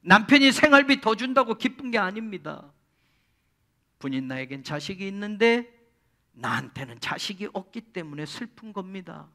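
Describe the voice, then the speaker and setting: A man's voice: high voice, sing-song, normal speed, sharp tone. A male pastor preaching a church sermon, speaking expressively and addressing the congregation directly.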